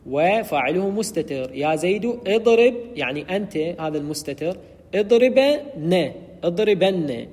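Male grammar teacher, methodical lecturer, slightly high voice with a long reverb tail. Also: a little mellow. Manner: methodical, repeats key terms and corrects himself. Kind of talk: explanatory lecture.

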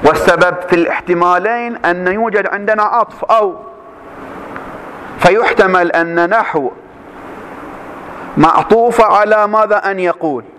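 A man teaching a class, reading a text slowly and then explaining it with quick questions to his students. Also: high-pitched, a bit bright, slight background noise.

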